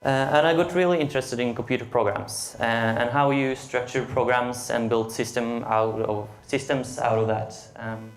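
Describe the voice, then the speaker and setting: Hesitant young Norwegian man, gravelly voice. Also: mid-range voice, steady tone, normal speed, few pauses. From Norway. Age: late teens. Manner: hesitant, with frequent "uh" and "um" fillers. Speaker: conference speaker. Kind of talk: tech meetup presentation. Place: meetup event room. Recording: roomy echo of a meeting room.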